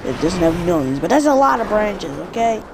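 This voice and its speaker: A woman giving chatty, animated commentary over her own gameplay and often correcting herself mid-sentence. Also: mid-range voice, fairly quick, noisy background. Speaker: gaming video host. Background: game sound effects.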